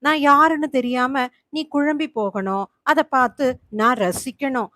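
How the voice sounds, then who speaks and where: Vengeful male spirit, cruel and gloating, read by a woman storyteller; highish, dry close sound. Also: a little slow, bright, forceful tone, dry recording. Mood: menacing.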